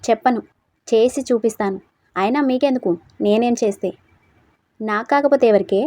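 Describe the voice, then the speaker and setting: A woman voicing a loud, teasing young husband. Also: on the high side, moderate pace, no room sound, lightly acted.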